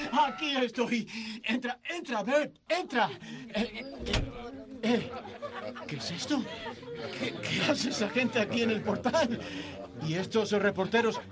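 An actor voicing a desperate young husband and father in a dubbed film drama, pleading and breathless. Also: very high voice. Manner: pleading, breathless and excited delivery.

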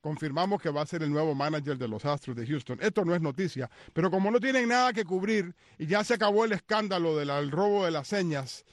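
Guy hosting sports radio, jokey and lively, slightly high voice. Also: no room sound, clean studio sound. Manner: lively, joking, quick to tease. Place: radio studio.

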